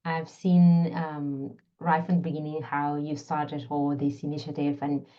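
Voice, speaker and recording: A woman's voice: sits low, little pitch movement, measured pace, dull audio. A middle-aged woman from Peru with a Peruvian Spanish accent, explaining her work thoughtfully in a podcast interview, often searching for words. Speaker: guest, constellation facilitator and scientist.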